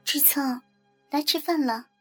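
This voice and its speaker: Bashful young woman read by a woman, high and gentle, coy breathy delivery. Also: measured pace, soft background music.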